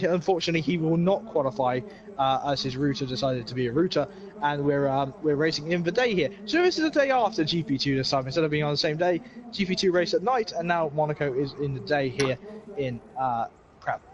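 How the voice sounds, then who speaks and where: A man's voice: a little high, expressive, a little fast, a crowd in the background. Young guy doing sim race commentary, jokey and rambly, a bit out of breath, muffled lo-fi stream audio. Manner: rambling, joking, filler-heavy. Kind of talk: casual esports race commentary.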